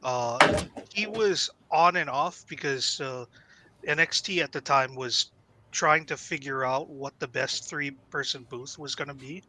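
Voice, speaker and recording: A man with a very bright, forceful voice talks through wrestling history on a casual podcast. He rambles and pauses to dig up names. His pitch sits in a middle range for a man. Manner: knowledgeable, rambling with fillers.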